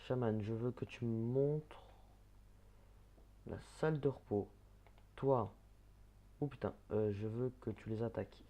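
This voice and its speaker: A man giving casual gameplay commentary, chatting, swearing and muttering quick orders at the characters on screen. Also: medium pitch, dark tone. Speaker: let's play gamer.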